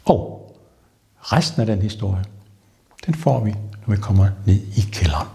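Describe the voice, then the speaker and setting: A male castle tour guide telling ghost stories to visitors as a lively storyteller who builds suspense. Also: on the low side, creaky. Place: castle rooms and wine cellar, indoors. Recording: long reverb in a stone castle room.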